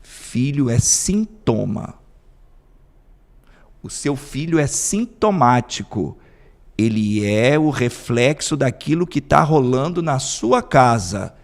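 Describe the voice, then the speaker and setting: Gravelly emphatic man on a podcast. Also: medium pitch, expressive, slow, big-room sound. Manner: emphatic, rhetorical questions, acts out scenes. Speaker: psychoanalyst host. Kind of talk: podcast discussion.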